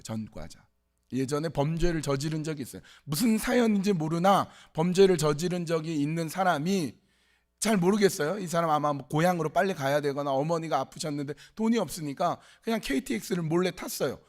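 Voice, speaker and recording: A man preaching a sermon at a youth service, telling stories in a conversational way and acting out the quotes. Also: a little high. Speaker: pastor.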